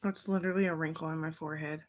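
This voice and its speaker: A woman's voice: low voice, steady tone, racing. A woman in a rambling casual monologue, drifting between thoughts and sometimes trailing off into whispers. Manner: meandering, loose train of thought.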